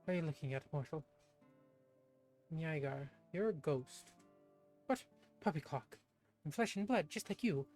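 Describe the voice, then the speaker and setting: A man's voice: a little high, animated, unhurried, long pauses, a little mellow, faint music behind. A man doing Miaigar, a haughty crypt ghost. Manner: haughty, dismissive, old-fashioned speech. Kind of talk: voicing game dialogue aloud.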